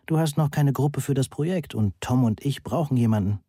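Mann macht bestimmende ältere frau, großmutter, hörbuch, leicht rauchig. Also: male voice, medium pitch, dark tone, slightly rough, no echo, studio quality, natural voice. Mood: bossy brisk. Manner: brisk, bossy. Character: energetic older woman, a grandmother, bossy and brisk.

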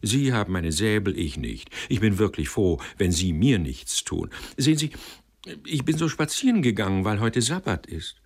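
A poor young apprentice lad in a storybook reading, pleading and chattering with eager, swooping pitch, as a male narrator puts him on. He wheedles timidly and talks on and on. The voice is low and husky. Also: big pitch swings, moderate pace, heavily acted.

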